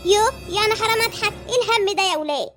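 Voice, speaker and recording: A woman voicing a gossipy, sharp-tongued mother in an Egyptian cartoon, with an Egyptian Arabic accent. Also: very high-pitched, racing, faint music behind. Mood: teasing.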